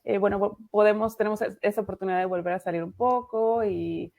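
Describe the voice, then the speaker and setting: Mexican woman writer, husky and gravelly, chatty guest on a video call, lots of fillers. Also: medium pitch, steady tone, a little fast, a little mellow. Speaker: author, interview guest. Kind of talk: casual interview over video call. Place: dark home room at night.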